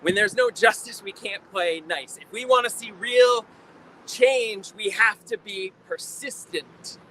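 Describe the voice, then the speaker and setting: A man giving an impassioned protest speech like a preacher, emphatic and deliberate, repeating phrases for effect. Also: high-pitched, pushed and bright. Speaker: preacher, rally speaker. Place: outdoors at a rally in town. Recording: noisy outdoor urban recording, faint traffic.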